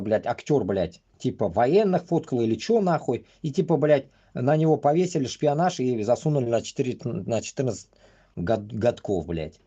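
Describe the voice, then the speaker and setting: Man, dark raspy voice, crude halting livestream rant, heavy swearing, dull lo-fi sound. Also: mid-range voice. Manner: halting, choppy phrases with repetitions. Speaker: livestream host. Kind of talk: casual rambling live commentary.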